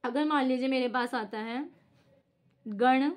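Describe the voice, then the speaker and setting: With a high voice and an unhurried pace, a young woman teaches a casual lesson, working through examples one at a time by posing a question and then answering it herself.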